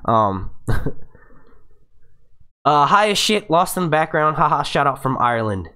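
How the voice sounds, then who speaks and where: A man's voice: a little high, very animated, measured pace, sharp tone, clear, resonant tone. A man in his twenties from the United States with a youthful-sounding voice, hosting a casual live stream and chatting in a rambling way. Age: 20s. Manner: rambling and chatty, with many fillers and profanity. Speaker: YouTube channel host reading live chat.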